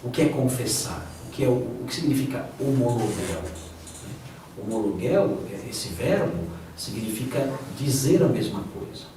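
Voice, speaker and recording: A man's voice: mid-range voice, lively intonation, moderate pace, dark tone. A man, a pastor, teaching a theology class in a conversational way, often acting out the voices of the people he quotes. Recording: echoey room, distant mic, noisy.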